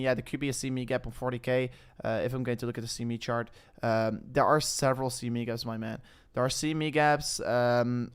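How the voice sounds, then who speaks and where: His voice is mid-range, clear and resonant: a young man from the Netherlands with a Dutch accent, hosting a live crypto stream. He rambles casually and hesitantly, leaning on fillers and often breaking off sentences to start them over.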